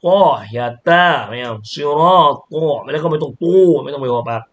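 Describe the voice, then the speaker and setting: A man teaching Quran reading, explaining each sound slowly and then chanting the syllables louder and higher. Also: dull audio.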